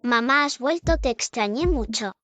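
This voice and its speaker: A woman's voice: on the high side, animated, moderate pace, fairly bright tone, no echo, faint music behind. A woman voicing a sweet, worried small child in a dubbed melodrama.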